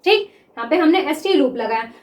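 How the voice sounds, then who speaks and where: A high-pitched woman gives a classroom lesson, drawing out example words as she writes them and checking in with her students again and again. The room rings with a noticeable echo. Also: expressive. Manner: repeats words slowly while writing, asks 'clear?' often. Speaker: shorthand teacher.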